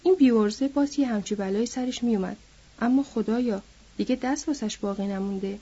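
A woman voicing a calm, respected adult ranch man in a read-aloud story, firm and measured. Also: fairly high pitch, slightly rough, muffled recording.

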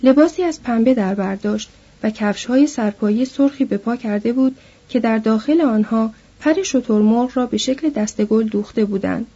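A woman narrating an audiobook in an even, measured reading voice, in a dull lo-fi recording. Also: a little high, breathy edge.

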